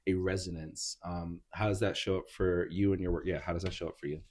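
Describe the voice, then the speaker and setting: A man's voice: low voice, steady tone, a little fast, a crowd in the background. A man hosting a podcast interview in a casual, upbeat way, laughing often and talking with loose fillers. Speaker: podcast host. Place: indoor healing practice room.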